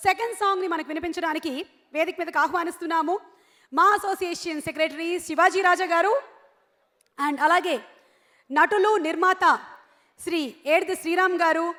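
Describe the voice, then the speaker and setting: A woman's voice: very high voice, moderate pace, pauses often, fairly bright tone. A woman anchoring a film event on stage, formally welcoming guests in a reverberant hall. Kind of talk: stage announcing.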